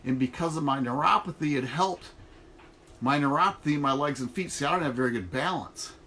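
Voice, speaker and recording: Middle aged guy doing a folksy motivational vlog inside a trailer, kinda high sharp voice, noisy background. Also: fairly quick. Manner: folksy, emphatic, conversational. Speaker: online network marketer. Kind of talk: casual motivational vlog monologue. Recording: noticeable background noise in a trailer.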